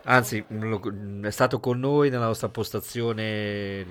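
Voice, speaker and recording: Lowish-voiced man chatting on sports radio. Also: steady tone, measured pace, slight background noise. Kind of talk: casual radio chat.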